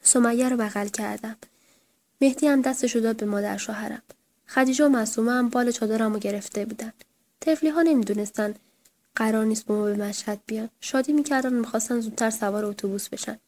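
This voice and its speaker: A woman reading a first-person memoir aloud in a calm, steady storytelling manner. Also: a little high. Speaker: narrator.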